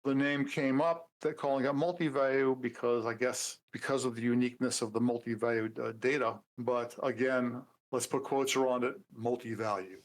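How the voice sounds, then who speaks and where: An older man in his seventies talks at an ordinary middle pitch. He sounds relaxed and a bit wry, with plenty of "uh"s and restarts as he remembers things. It is a casual conversation, not a performance. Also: normal speed, hardly any pauses, rough recording. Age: 70s. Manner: relaxed, dry humor, frequent fillers and restarts. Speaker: guest programmer. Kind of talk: casual interview chat.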